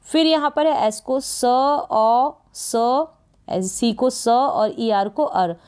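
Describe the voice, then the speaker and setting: Hindi-accented lady teacher going letter by letter, repeats every word, real slow. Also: fairly high pitch, lively intonation, darkish tone, clear, resonant tone. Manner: spells words letter by letter, repeats each word. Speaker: English teacher. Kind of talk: slow phonics lesson.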